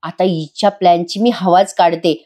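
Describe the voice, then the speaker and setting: A woman's voice: on the low side, fairly even intonation, normal speed, warm tone, close to an everyday voice. A woman reading the lines of a scheming, jealous young woman, in a mock-sweet, plotting tone.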